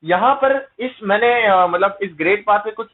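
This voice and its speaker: A man's voice: high voice, moderate pace. A man teaching an exam-prep lecture, asking rhetorical questions and checking in with his listeners. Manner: explains with repeated rhetorical questions and "है ना" tag checks; mixes English terms into explanations. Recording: tinny phone-like sound.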